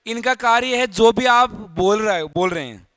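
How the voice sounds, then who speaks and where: A man's voice: high voice, expressive, normal speed, fairly bright tone, smooth, no room sound. A man teaching a biology class in a Hindi lecture, explaining step by step, repeating key terms and asking students questions. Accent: Rajasthani Hindi.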